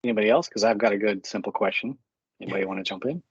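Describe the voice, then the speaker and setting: A man's voice: on the low side, racing, breathy edge, dry recording, highs cut off. A man in a casual team discussion, asking plain questions in a loose, hesitant way.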